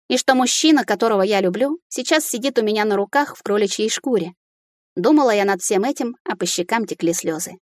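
Expressive woman reading a fantasy audiobook. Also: medium pitch, no room sound, studio quality. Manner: emotional, expressive reading with tearful dialogue. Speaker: audiobook narrator. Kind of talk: first-person fantasy audiobook narration.

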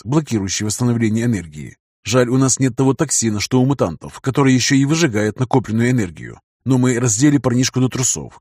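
A man's voice: medium pitch, a little mellow, husky, no room sound, clean studio sound. A man narrating a first-person audiobook in a casual, wry storytelling manner.

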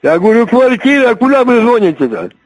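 A man's voice: extremely high pitch, very animated, quick pace, no echo. A man answering the phone, impatient and irritated, repeatedly asking who is calling. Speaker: call recipient.

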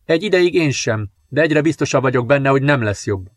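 A man voicing a gentle teenage girl who speaks softly and apologetically. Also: medium pitch, lively intonation, no echo, natural voice. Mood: apologetic. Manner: soft-spoken, apologetic.

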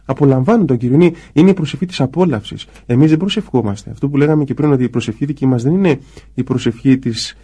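Husky warm-voiced priest, lively talk. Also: male voice, mid-range voice. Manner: acts out quoted voices in lively asides. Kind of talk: conversational talk on prayer.

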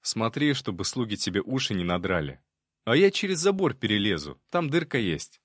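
A man's voice: lowish voice, very animated, moderate pace, breathy edge, no echo, clean studio sound. A man voicing a shy young village boy in a storybook reading, timid at first and plain-spoken. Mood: childlike. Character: shy village boy, carefree once bold.

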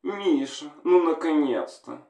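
A man's voice: lively intonation, measured pace, warm tone. An eager prying woman on the phone, as a male reader puts her on. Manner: raised pitch, eager, prying. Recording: roomy, distant mic.

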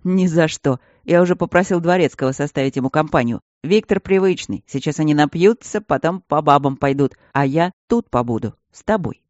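A man's voice: a little high, lively intonation, brisk, hardly any pauses, a little mellow, no room sound, muffled recording, close to an everyday voice. A reader voicing a man nearly eighty, a cocky, jesting baron who teases a young woman playfully. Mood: teasing. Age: older. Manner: teasing, playful, boastful.

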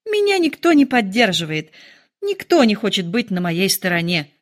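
A woman voicing an excitable, dramatic middle-aged mother who complains in a shrill, lively voice. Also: moderate pace, close to an everyday voice. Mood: fretful.

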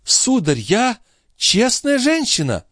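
A squealing, wheedling old concierge woman, as a man puts her on, her voice leaping high with sugary indignation. It soars and swoops through a wide range. The recording is dry and close. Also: wildly swooping pitch, slow pace, fairly bright tone, no echo, full character voice. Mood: shrill indignant. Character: shrill wily old female concierge.

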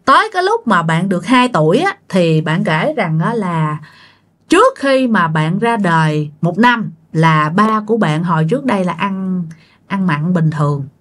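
A woman's voice: lowish voice, big pitch swings, normal speed, fairly bright tone. A woman telling a ghost story in a chatty way, addressing her listeners directly. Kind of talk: spoken ghost-story narration.

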